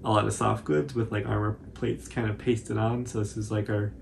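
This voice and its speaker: Sitting on a couch in a small room, this man in his 20s walks viewers of his cosplay channel through a tutorial in a relaxed, modest way. He speaks at an ordinary speed in a fairly low, level voice with some vocal fry, and faint noise hums behind him.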